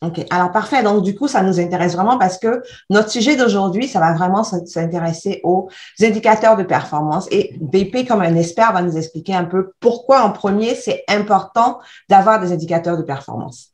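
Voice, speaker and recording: A woman hosting a podcast interview, asking clear, structured questions and summing up. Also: medium pitch, a little fast, hardly any pauses, darkish tone. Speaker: podcast host.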